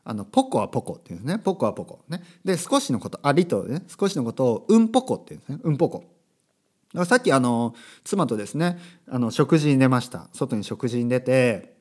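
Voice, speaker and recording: A man's voice: mid-range voice, sing-song, quick pace. A man in his thirties hosting a casual solo podcast, chatty and rambling, often correcting himself mid-sentence. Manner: chatty, self-correcting, asks listeners rhetorical tags. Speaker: podcast host. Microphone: podcast microphone.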